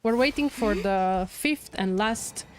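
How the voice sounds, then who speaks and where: Reacting to a game's story on her livestream, a woman thinks aloud in a slow, mid-range voice, musing and repeating herself. Game music plays underneath, along with a little hiss or hum.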